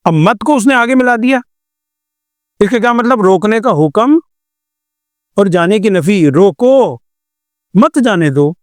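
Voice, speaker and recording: An older man from Pakistan gives a patient classroom lecture on Quran recitation, repeating examples and asking rhetorical questions. His voice sits somewhat high and comes across smooth and resonant. The sound is close and dry, with no room around it. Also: long pauses, no echo.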